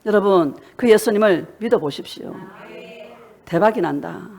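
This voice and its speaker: A woman's voice: medium pitch, lively intonation, moderate pace, gravelly, a little mellow. A woman pastor delivering a fervent sermon, exhorting her congregation and telling stories along the way. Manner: fervent, exhorting with storytelling asides.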